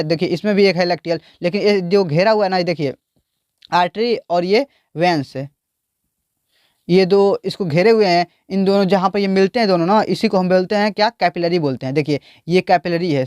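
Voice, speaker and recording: A man's voice: high-pitched, fairly quick, a little mellow, clear, resonant tone, no room sound, clean studio sound. A man teaching biology, explaining a diagram and repeatedly asking the class questions.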